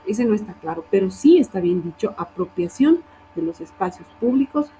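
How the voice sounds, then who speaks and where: A woman's voice: mid-range voice, animated, normal speed, warm tone, a little hiss or hum, poor audio. A woman teacher reviewing student assignments, correcting wording and often checking in with her class.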